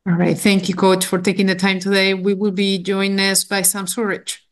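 A woman's voice: mid-range voice, completely flat delivery, normal speed. A woman moderating a post-match press conference in a polite, businesslike way.

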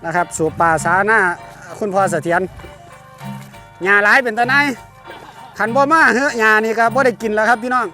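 A man's voice: sits high, a little fast, bright, forceful tone. Male vlog host, Northeastern Thai accent, exclamatory casual commentary, music over the voice. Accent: Northeastern Thai (Isan). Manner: exclamatory, repeats words. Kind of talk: casual running commentary to viewers. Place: outdoors at a rural pond.

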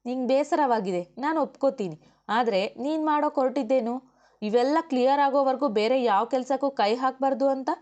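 A woman's voice: a little high, darkish tone, voice pushed up, close to an everyday voice. Brief: woman reader voicing a principled young woman official, firm and outspoken, in an audiobook. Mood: arguing. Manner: firm, argumentative. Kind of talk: audiobook character voice.

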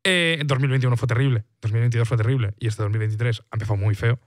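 Rapid podcast host, animated, dry close mic. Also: male voice, medium pitch, no echo. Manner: rapid, animated, acts out quoted reactions. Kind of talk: casual esports podcast chat.

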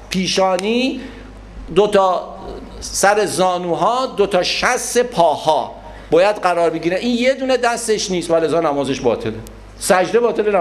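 Animated high-voiced man giving a sermon. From Iran. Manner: animated, acts out people in little scenes. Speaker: Quran scholar and lecturer. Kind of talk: religious lecture on prayer.

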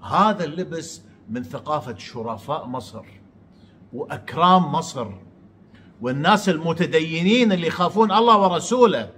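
Angry mocking man, high lively voice. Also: moderate pace, a little hiss or hum. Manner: mocking, insulting, sarcastic. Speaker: online commentator. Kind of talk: angry ranting commentary.

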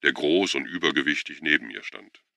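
A man narrates a novel in a steady, measured way. His voice is extremely deep and gravelly, yet crisp and bright in tone, and it is recorded dry and close with no room sound. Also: dry recording. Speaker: audiobook narrator. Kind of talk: scripted narration.

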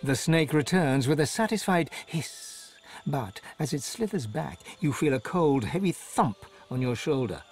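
A man narrating a game story in an expressive, dramatic scripted style. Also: on the high side, a little slow, few pauses, soft background music. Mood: calm. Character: male storybook narrator, vivid.

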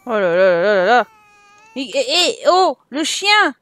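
A high-pitched woman from France narrates her life-simulation game playthrough. She talks to the characters on screen in a chatty, lively way, exclaims at what they do, and laughs often. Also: measured pace, dry recording. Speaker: gaming YouTuber. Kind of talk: Let's Play commentary.

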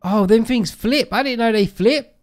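A man's voice: very high-pitched, normal speed. A man hosting a co-op game video, teasing and joking with his partner. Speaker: gaming channel host. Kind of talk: playful gaming banter.

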